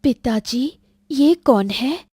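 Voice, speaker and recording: Brief: woman doing a young village girl, raised voice, slow, dry. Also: high-pitched, animated, mellow, breathy edge, dry recording, voice pushed up, full character voice. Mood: startled. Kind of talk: Hindi cartoon story dubbing.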